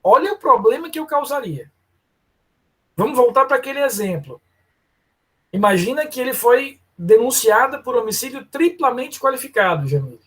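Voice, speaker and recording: A man's voice: extremely high pitch, big pitch swings, normal speed, fairly bright tone, husky. A man teaching law in a lecture, explaining step by step and calling on students by name. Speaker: law professor. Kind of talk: live online lecture.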